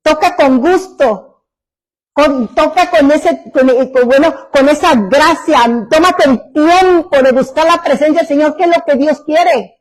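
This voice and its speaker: A woman's voice: high-pitched, a little slow, low-quality recording. A woman pastor preaching a sermon, emphatic, full of rhetorical questions to the congregation.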